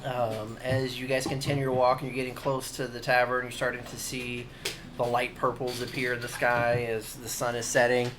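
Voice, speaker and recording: A man narrating a tabletop game as dungeon master, halting and full of fillers. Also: mid-range voice, level tone, background noise. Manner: halting, many fillers and restarts.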